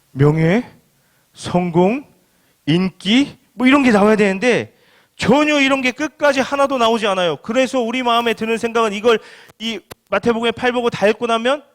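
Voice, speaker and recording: A man's voice: high voice, a bit bright. A young adult male pastor giving a casual, conversational sermon to a youth group, asking his listeners questions and acting out everyday reactions. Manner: acts out everyday reactions in quick quoted asides.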